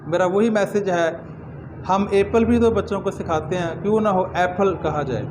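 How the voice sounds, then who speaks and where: A high-voiced man gives an earnest pronunciation lesson and says each word slowly, again and again, as a model. Steady background noise sits under his voice throughout. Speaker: English pronunciation teacher. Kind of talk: spoken lesson to camera. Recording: noisy background ambience.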